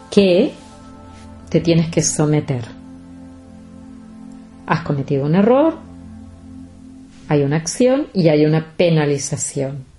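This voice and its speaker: A woman, hosting a reflective podcast and speaking slowly and deliberately straight to her listeners. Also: low-pitched, mellow. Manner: slow, deliberate, addresses listeners directly. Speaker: podcast host.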